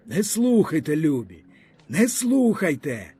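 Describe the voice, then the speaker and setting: An anguished peasant leader, as a male reader plays him begs and pleads in a raised, urgent voice. The tone is husky and mellow, and his pitch swings widely between phrases. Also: big pitch swings, measured pace, heavily acted. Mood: pleading.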